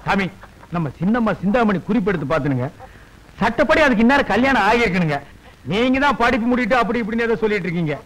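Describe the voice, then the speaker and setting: An actor playing a middle-aged village barber uncle in a film, ranting and mocking loudly. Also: male voice, sits high, expressive, rough recording. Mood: scolding. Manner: loud, fast, mocking comic rants. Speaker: comic uncle.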